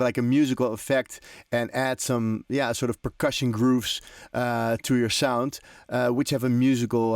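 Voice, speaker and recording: In a dry recording, a man with a lowish, slightly mellow voice hosts a music production tutorial. He explains informally while demonstrating, his phrasing loose, conversational and often hesitant. Electronic drum and synth loops play in the background.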